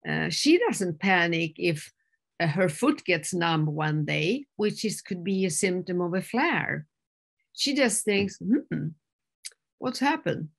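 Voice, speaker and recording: A woman addiction specialist giving a calm, conversational lecture, often slipping into quoted voices and using many "you know" fillers. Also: fairly low pitch, takes it slowly, creaky. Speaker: addiction specialist presenting to a group.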